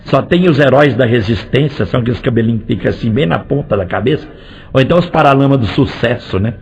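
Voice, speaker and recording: A male pastor preaching a lively sermon, firing direct questions at the congregation and swinging between loud and soft delivery. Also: mid-range voice, fast, creaky. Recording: dull lo-fi recording with faint music.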